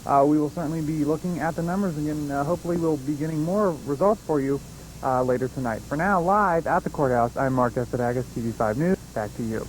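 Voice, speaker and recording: A man's voice: fairly high pitch, fast talker, slight background noise, rough recording. A man reporting live from a courthouse for local TV news, hesitant with many fillers. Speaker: field reporter.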